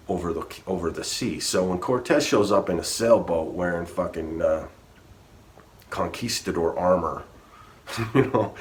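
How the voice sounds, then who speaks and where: A low-pitched man tells a history story as a loose, profane rant. He stumbles and restarts, swearing as he goes, with a faint hiss of room noise under him. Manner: rambling, profane, restarts often.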